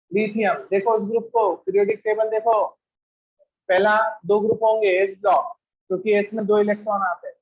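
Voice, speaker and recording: High-voiced man teaching chemistry class. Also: narrow, tinny audio. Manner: quizzes students with repeated questions; rattles off element lists at speed. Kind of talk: classroom lecture. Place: classroom with students.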